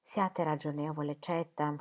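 A placid, good-humoured country parson who speaks calmly and reasonably, voiced by a woman reading in a low tone. It is read like a novel aloud. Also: unhurried. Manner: placid, calm. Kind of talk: audiobook character reading.

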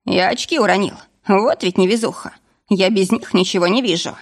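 A woman's voice: mid-range voice, brisk, lightly acted. A woman voicing a tipsy, clumsy young man stuck up a tree, complaining ruefully, in an audiobook.

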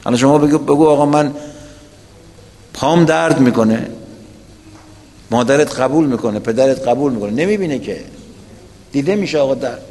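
A man's voice: medium pitch, pauses often, a little mellow, long reverb tail. A man preaching to a weekly religious gathering, telling a story and putting questions straight to his listeners. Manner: storytelling, addresses listeners directly with rhetorical questions. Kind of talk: religious lecture to a weekly congregation.

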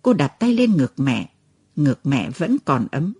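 A woman reads a story aloud in a tender, expressive way. Her voice is low, mellow and lively in pitch. The recording is close and dry. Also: a little slow, slightly rough, no echo. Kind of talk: storybook narration.

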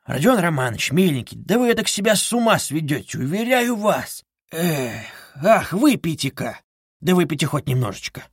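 Man putting on a sly middle-aged investigator, fawning, wheedling, slightly raised pitch, dry close sound. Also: big pitch swings, husky, dry recording, heavily acted. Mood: fussing. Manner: wheedling, ingratiating, drawn-out sly asides.

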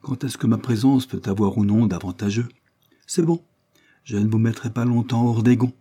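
A man reading an audiobook, voicing a good-humoured, mocking man who speaks calmly and teasingly. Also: on the low side, normal speed, breathy edge. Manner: calm, laughing, teasing.

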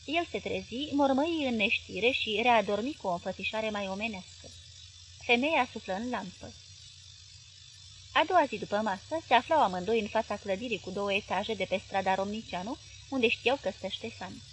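A woman reads a literary novel aloud in a measured audiobook narration. Her voice sits a little high. A faint hiss runs beneath it. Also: expressive. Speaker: audiobook reader.

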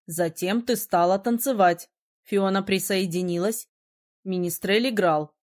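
A woman voicing a brooding, sharp-tongued young male mage in an audiobook, teasing and gruff by turns. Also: medium pitch, a little slow, natural voice. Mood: explaining. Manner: teasing, then gruff and commanding. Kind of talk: audiobook character reading.

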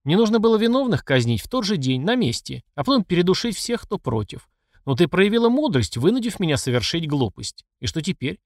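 A man's voice: high voice, very animated, fairly quick, no echo, studio quality, voice pushed up. A man voicing a furious middle-aged emperor who scolds and accuses his mother. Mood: angry. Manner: angry and accusing.

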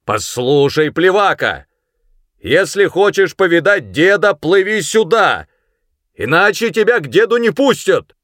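A man voicing a gruff police sergeant who shouts orders across a river. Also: fairly low pitch, big pitch swings, normal speed, no room sound, clean studio sound. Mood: shouting. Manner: loud shouting and commanding.

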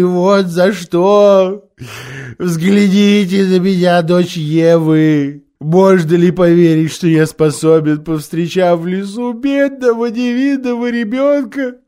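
Man doing Mr Tumnus, a sobbing high faun. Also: heavily acted. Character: weeping remorseful male faun, timid and guilt-ridden. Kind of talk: audiobook character voice.

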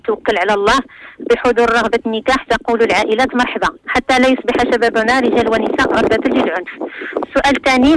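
A woman's voice: on the high side, heavy background noise. A woman with a Moroccan accent, heard over the phone as a caller to a radio show, reading out a formal statement and questions in long earnest sentences.

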